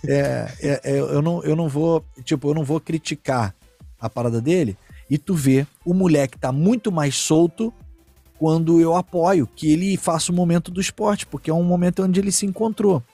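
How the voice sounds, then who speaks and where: Slangy animated man, husky voice. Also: a little high, moderate pace, dry recording, soft background music. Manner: slangy, animated storytelling, acts out quotes. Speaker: streamer and podcast host. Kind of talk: casual chat.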